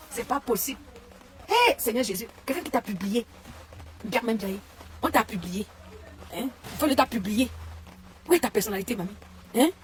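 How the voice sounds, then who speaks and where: A woman rants into her phone in a live stream, her voice sitting a little high and her insults coming in repeated bursts. A faint hiss runs underneath her talk. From Cameroon. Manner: insulting, repetitive, heated. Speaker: online commentator. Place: home and garden.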